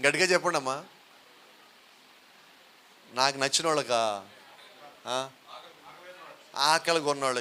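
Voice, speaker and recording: A man's voice: fairly high pitch, pushed and bright. A man with a Telugu accent preaching a sermon, often putting questions to the congregation and urging them to answer aloud.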